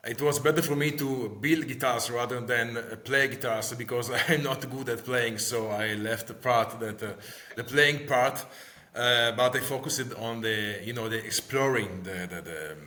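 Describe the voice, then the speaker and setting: Halting Italian-accented man, bright voice. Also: medium pitch. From Italy. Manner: halting, searching for words with repeated words. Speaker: guest, guitar maker. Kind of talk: interview answers, casual explanation.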